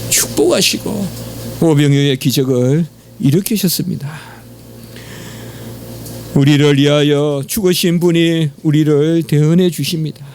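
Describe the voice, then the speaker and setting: A middle-aged pastor with a Gyeongsang Korean accent preaches emphatically in a church sanctuary, his pitch leaping on exhortations and his speech full of affirming "예" fillers. His voice is unhurried and darkish, with a little hiss or hum.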